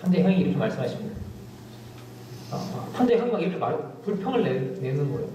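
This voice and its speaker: A middle-aged male pastor preaching a sermon, telling stories with lively emphasis that drops suddenly to quiet asides. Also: fairly high pitch, quick pace, a little hiss or hum. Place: church sanctuary. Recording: very echoey church hall, distant mic.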